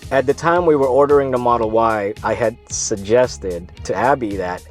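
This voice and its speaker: A man hosts his own video, talking casually to the camera in an easygoing, rambling way full of self-corrections. His medium-pitched voice sounds stuffy and congested and moves at a normal speed, with soft music playing in the background.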